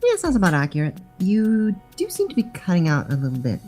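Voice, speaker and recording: A woman guest on a casual podcast trades dry, teasing remarks with the host. Her voice is mellow and warm, and it swoops widely in pitch. Faint music plays behind her. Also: wildly swooping pitch, fairly quick. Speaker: podcast guest, online artist.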